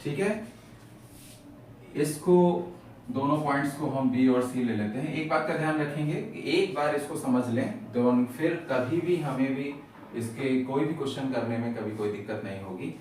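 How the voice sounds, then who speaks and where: A male maths teacher giving a patient, step-by-step lecture at a board, repeating each key term. His mid-pitched voice comes from some distance across a very echoey room, with faint hiss underneath. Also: moderate pace, a little mellow.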